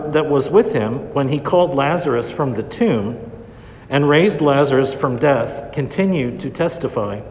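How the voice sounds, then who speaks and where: A man, a priest, reading the gospel and preaching a homily in a measured, deliberate way, his voice carrying the long echo of a large church. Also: medium pitch. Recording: reverberant church recording.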